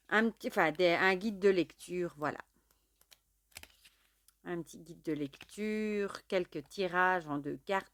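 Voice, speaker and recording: A woman, chatting casually while unboxing and showing a card deck, often filling pauses with little stock words. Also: medium pitch, fairly bright tone, no room sound. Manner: chatty, fills with "voilà" and "euh". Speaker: tarot and oracle deck reviewer.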